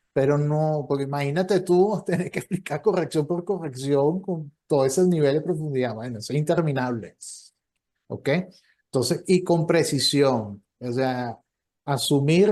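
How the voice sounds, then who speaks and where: A man's voice: fairly high pitch, mellow. A man, a professor and copy editor, giving an online lecture in a conversational, explanatory way, acting out short dialogues along the way. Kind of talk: online lecture with audience questions.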